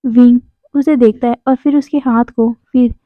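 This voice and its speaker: A woman with a slightly high voice narrates a romance story, speaking every character's lines herself. The sound is dry and thin, like a phone recording. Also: fairly even intonation, normal speed, dry recording. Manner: reads all dialogue in her own voice. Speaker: fanfiction narrator. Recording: dry tinny phone-like audio.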